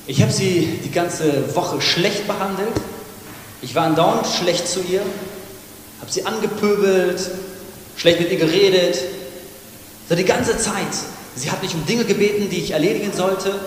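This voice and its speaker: Pastor guy, northern german accent, highish voice, preaching big then going quiet, super echoey church hall. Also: unhurried, pauses often. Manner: impassioned preaching that swings between loud urging and hushed, soft passages. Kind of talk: sermon. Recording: echoey reverberant church hall with faint noise.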